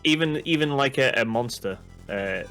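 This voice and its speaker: Lively, bright male co-host for game commentary, chatty, music faint underneath. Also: mid-range voice, moderate pace. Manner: chatty, animated, reads the guide aloud. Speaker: let's play co-host.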